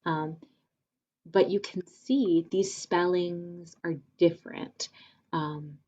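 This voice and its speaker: A woman's voice: on the low side, fairly even intonation, slow, dark tone, highs cut off. A woman leading a theater company presentation, explaining spellings and reading sonnets aloud in a casual, filler-filled way. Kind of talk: informal lecture with readings of sonnets.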